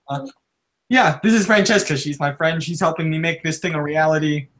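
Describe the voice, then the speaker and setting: High, excitable young man, rambling. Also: moderate pace, noisy background. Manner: excitable, rambling, swears freely. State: out of breath. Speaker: podcast host. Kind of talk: casual chat.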